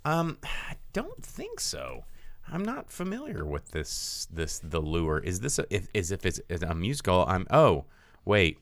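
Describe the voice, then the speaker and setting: A man co-hosting a casual podcast chat, breaking into high mocking voices. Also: wildly swooping pitch, a little slow, dry recording. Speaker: podcast co-host.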